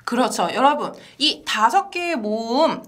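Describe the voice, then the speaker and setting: A woman hosting a language lesson in an animated style, laughing often and quizzing her co-teacher. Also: fairly high pitch, unhurried. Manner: bright and animated, laughs often, asks questions to engage viewers. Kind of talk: lively two-person language lesson.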